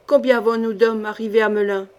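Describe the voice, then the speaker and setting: A brusque, angry medieval duke snaps short commands at his captains, read by a woman narrator. The voice sits somewhat high, and every line comes out curt and gruff, as in a storybook reading. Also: level tone, fairly quick, darkish tone, close to an everyday voice. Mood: commanding.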